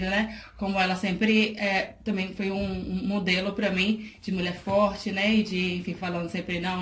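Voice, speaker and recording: A woman talks through her answers at an easy, reflective pace, pausing and restarting as she thinks. The room around her is echoey, with a faint hiss under the voice. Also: medium pitch, a bit bright. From Salvador, Bahia, Brazil. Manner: thoughtful, many fillers and restarts, laughs easily. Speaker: guest, charity project worker. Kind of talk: casual interview talk.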